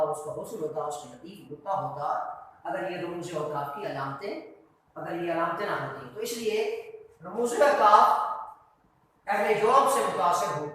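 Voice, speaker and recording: A man teaching grammar in Urdu, dictating definitions slowly and repeating phrases as a classroom teacher. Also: high-pitched, fairly bright tone. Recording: very echoey room, voice from far off.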